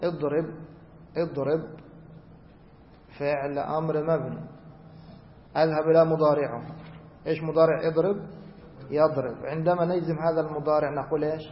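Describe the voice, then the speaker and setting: Teacher in an echoey hall. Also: male voice, fairly high pitch, fairly even intonation, a little hiss or hum. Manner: asks the class questions and answers them himself; repeats key words and rules slowly. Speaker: grammar teacher. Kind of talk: classroom lesson. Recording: echoey hall, dull lo-fi sound.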